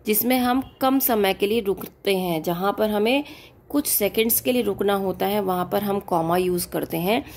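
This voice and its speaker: A woman's voice: medium pitch, slight background noise. A woman teaching a grammar lesson to young children on her channel, explaining patiently and often checking with the class.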